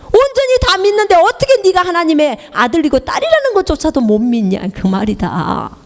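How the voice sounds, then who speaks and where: A woman missionary preaching a sermon, pressing the listener with rhetorical questions and dropping now and then into hushed whispered asides. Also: extremely high pitch, sing-song, a little fast, in a large hall. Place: church hall.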